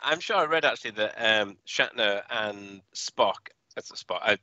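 A man's voice: lowish voice, animated, measured pace, pushed and bright, dry recording. A man co-hosting a podcast in an easygoing way who laughs often. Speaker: podcast co-host. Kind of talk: casual chat. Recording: dry, dull lo-fi podcast audio.

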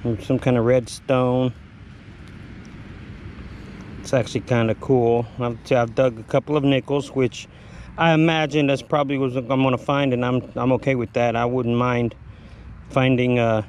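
A man's voice: mid-range voice, level tone, moderate pace, long pauses, darkish tone, a little hiss or hum. A man narrating his metal detecting hunt outdoors, breathing hard and rambling with filler words. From Texas. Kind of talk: casual narration while digging. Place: outdoors in a humid field.

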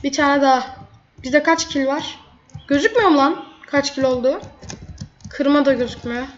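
High-pitched lady gamer chatting while she plays, snaps at other players, muffled cheap mic. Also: moderate pace, slight background noise. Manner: chatty, blurts out frustration at opponents. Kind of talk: live gameplay commentary. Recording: dull lo-fi mic.

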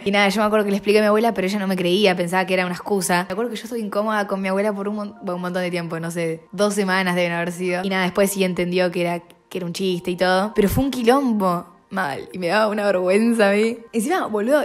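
A young woman with a Rioplatense Argentine accent telling a storytime in an animated, slangy way, laughing often. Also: medium pitch. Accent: Rioplatense Spanish. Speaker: vlogger. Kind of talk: casual storytime.

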